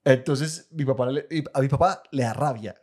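A young Colombian man with a Paisa accent, co-hosting a podcast, telling family stories in a lively way and laughing as he talks. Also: mid-range voice, normal speed, slightly rough. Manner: animated storyteller, laughs while telling. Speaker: podcast co-host. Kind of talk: casual chat.

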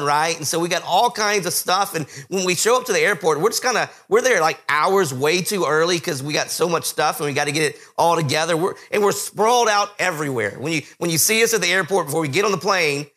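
Chatty young pastor, fillers and restarts. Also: male voice, a little high, brisk, few pauses, pushed and bright. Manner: conversational, storytelling with many fillers and restarts. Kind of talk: sermon.

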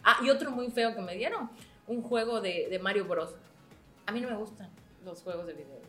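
A woman's voice: medium pitch, normal speed, reverberant, soft background music. A woman with a Mexican accent co-hosting a casual podcast, laughing often and swearing freely as she tells stories. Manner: laughing, swearing, lively storytelling. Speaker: podcast co-host.

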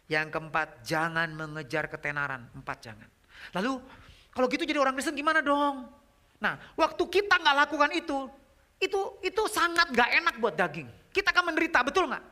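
A middle-aged man preaching a youth sermon in a conversational way, asking the audience questions and swinging from loud, rising questions to hushed, near-whispered lines. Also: high-pitched.

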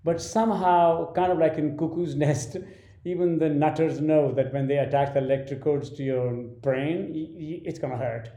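Dark-voiced Indian-accented man in roomy echo. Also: a little high, normal speed. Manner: animated anecdotes with many restarts. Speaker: film director. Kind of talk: interview storytelling. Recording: roomy echoey sound.

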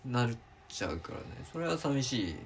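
A man's voice: mid-range voice, big pitch swings, a little fast, very noisy. A man co-hosting a casual podcast, earnest and musing, with a self-mocking streak. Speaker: podcast co-host. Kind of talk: casual chat.

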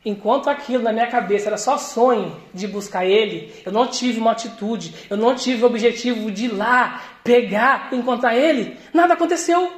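A middle-aged man from Brazil, a deacon preaching a sermon, telling stories with laughs and bursts of shouting. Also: very high-pitched, a little fast, few pauses. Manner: storytelling, laughing, rising to shouts. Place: church. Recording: echoey church room.

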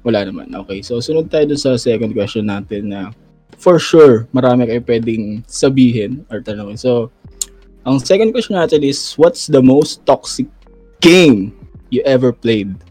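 A man's voice: medium pitch, expressive, a little slow, a little mellow, breathy edge, soft background music. Laid-back Filipino-English male host. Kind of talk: casual gaming podcast chat.

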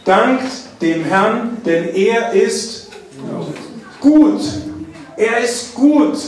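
A man preaching a sermon, dwelling on key phrases with drawn-out emphasis. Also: high-pitched. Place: church hall. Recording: echoey church hall, mic at a distance.

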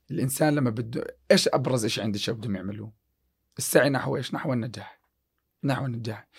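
Fast-talking husky man preaching. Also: medium pitch. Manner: preachy, quotes scripture, many restarts. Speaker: podcast guest, chemistry teacher. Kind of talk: casual podcast chat.

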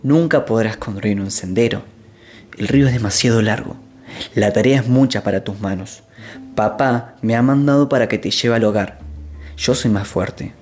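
A storyteller voicing a calm, firm eldest brother who speaks earnestly. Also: medium pitch, moderate pace, soft background music, pitched below the performer's own voice, natural voice.

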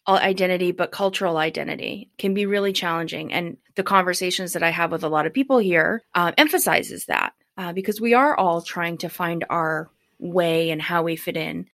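A woman's voice: lowish voice, fairly quick, gravelly, few pauses. Encouraging, hesitant interview host woman. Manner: warm and encouraging, with hesitant fillers and self-corrections. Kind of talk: conversational interview.

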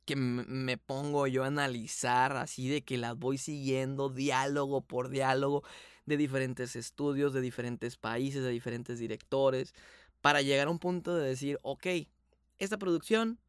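A man's voice: medium pitch, steady tone, moderate pace, smooth, no echo, studio quality. A man from Sonora with a Sonoran Mexican accent, a voice actor speaking earnestly and at length as an interview guest. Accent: Sonoran Mexican Spanish. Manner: earnest, grateful, explains at length. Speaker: voice actor and production manager, guest. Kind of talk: casual podcast interview.

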